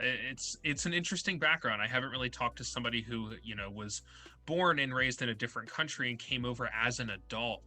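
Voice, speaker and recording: A man's voice: medium pitch, pushed and bright. A young man hosting an interview podcast, talking casually and rambling with lots of fillers. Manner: rambling, heavy on filler words. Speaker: podcast host.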